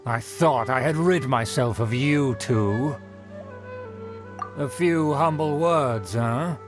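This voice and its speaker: A man's voice: medium pitch, slow, music in the background, natural voice. An actor playing a pompous, condescending nobleman in a video game, speaking in florid, formal phrases. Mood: haughty, dismissive. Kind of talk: video game character acting.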